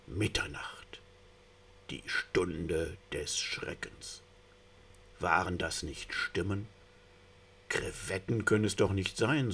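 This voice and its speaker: A man narrating a story in a theatrical reading, moving between hushed and rising tension. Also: low voice, breathy edge.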